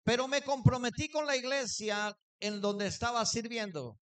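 A man's voice: very high voice, normal speed, fairly bright tone, smooth. A man preaching a sermon, telling a personal story and acting out the dialogue. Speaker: pastor.

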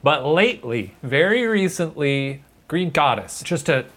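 A man's voice: on the high side, sing-song, a little slow, fairly bright tone. Man, podcast co-host, casual chat, playful, emphatic.

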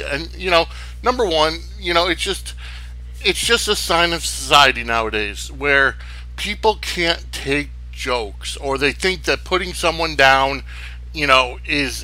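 A man's voice: on the high side, bright, forceful tone, dry recording, rough recording. A man hosting a sports podcast solo, talking casually in a rambling, opinionated way. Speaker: sports wrestling podcast host.

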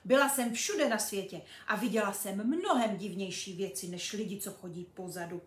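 A woman voicing a cheeky nine-year-old girl who tells tall tales, lively and loud, in an echoey room. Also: close to an everyday voice. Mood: boastful. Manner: lively, boastful, high and loud.

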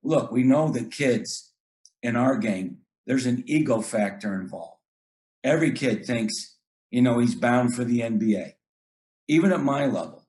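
A man's voice: medium pitch, lively intonation, unhurried, a little mellow. A middle-aged man, a basketball coach, talking earnestly in casual chat, often repeating words and acting out what he tells his players.

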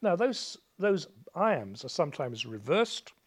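A man's voice: a little high, very animated, slow, breathy edge. A male teacher patiently explains a poem's rhythm to a student, chanting beats and counting syllables aloud.

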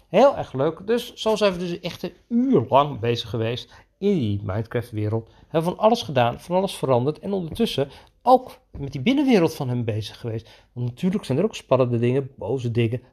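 A man with a faintly husky voice talks through a podcast episode about his coaching work with children. His delivery is eager and lively, full of enthusiasm for the story he is telling. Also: fairly high pitch. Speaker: children's coach with own practice. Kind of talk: podcast monologue.

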